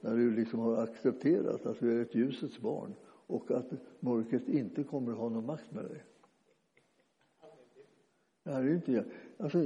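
A male preacher with a very dark, mellow voice gives an informal, conversational sermon. He talks haltingly, restarting phrases and filling pauses as he goes. The recording is dull and lo-fi, with a long reverb tail. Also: mid-range voice.

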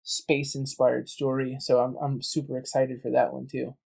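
Gravelly, flat-toned man in casual talk. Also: mid-range voice, normal speed. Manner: chatty, tells stories with quoted dialogue. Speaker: guest, game writer and voice actor. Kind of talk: casual podcast chat.

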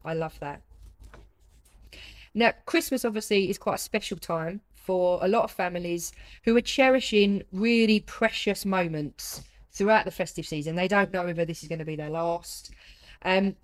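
British woman interviewer, fairly low voice. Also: normal speed. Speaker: interviewer and host. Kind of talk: conversational interview.

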